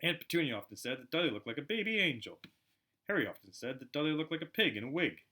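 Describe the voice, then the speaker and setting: A man narrates a storybook in an animated, casual home-audiobook style, tossing in chatty asides. His voice is very bright and forward, sing-song and mid-register, with pitch moving widely, and he talks fast.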